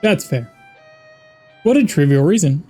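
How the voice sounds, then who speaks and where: A man's voice: on the high side, lively intonation, measured pace, a little mellow, faint music behind. A man playing a game on video, reading the dialogue and narration aloud with wry, exasperated quips. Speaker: gaming YouTuber.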